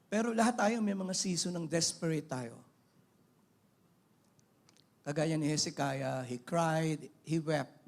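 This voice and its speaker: A middle-aged man with a Filipino accent, preaching a sermon in an animated way, mixing in English phrases. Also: a little high, creaky. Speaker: pastor.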